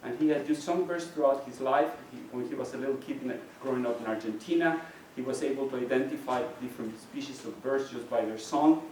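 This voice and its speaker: This middle-aged Mexican lecturer, whose native tongue is Spanish, talks fast with hardly any pauses in a mid-range, darkish voice. He explains his material with frequent restarts, captured by a distant mic in a very echoey university hall with slight background noise.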